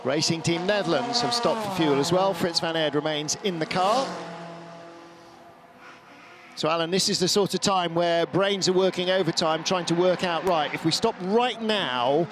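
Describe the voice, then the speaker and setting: A man's voice: on the high side, moderate pace. A man giving live motorsport commentary as the lead commentator. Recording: very loud car and outdoor noise. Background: race cars.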